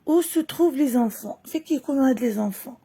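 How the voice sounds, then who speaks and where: A Moroccan woman teacher reads a French lesson text slowly and clearly, then explains it quickly in Moroccan Arabic. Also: high-pitched, expressive, warm tone. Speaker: primary school French teacher. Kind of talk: reading lesson, slow read-aloud with explanations.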